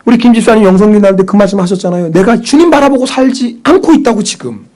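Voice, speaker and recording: A male pastor preaching a sermon in an animated way, questioning the congregation and answering himself, sometimes dropping to a whisper. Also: high-pitched, fast talker. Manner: drops to a whisper for inner thoughts.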